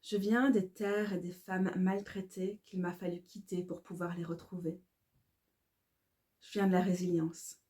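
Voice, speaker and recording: A woman, calmly reading her own devotional poetry aloud in a measured, incantatory way. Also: lowish voice. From Belgium. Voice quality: calm, measured, incantatory delivery.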